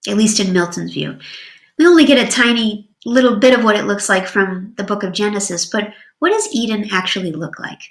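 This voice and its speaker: A woman professor giving a recorded literature lecture, enthusiastic and explanatory, often pausing with um and uh. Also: mid-range voice, a bit bright, echoey room.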